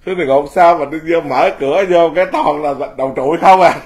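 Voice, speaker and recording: A man's voice: on the high side, fast, a little mellow. A man in his fifties, a Buddhist monk giving an informal talk, blunt and self-mocking, laughing often as he speaks.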